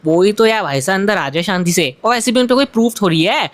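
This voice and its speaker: A woman's voice: mid-range voice, animated, fast, natural voice. A woman voicing a cheeky, mischievous little cartoon boy who talks back in a game machinima. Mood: scheming. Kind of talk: fan-made game machinima voice acting.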